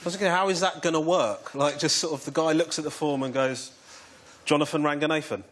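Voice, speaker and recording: A man's voice: on the high side, quick pace. A man from England, a comedian guest telling self-mocking stories on a chat show and acting out the people in them. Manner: storytelling, self-mocking, acts out quoted voices. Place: television studio with live audience. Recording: loud audience laughter and applause.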